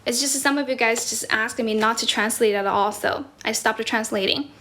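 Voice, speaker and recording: A woman's voice: a little high, a little fast, fairly bright tone. A young Chinese woman, a native speaker of Mandarin with a Chinese accent, chatting casually on a livestream as an English tutor. She is teasing and talkative, and switches languages mid-sentence. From China. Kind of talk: casual livestream chat answering comments. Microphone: phone.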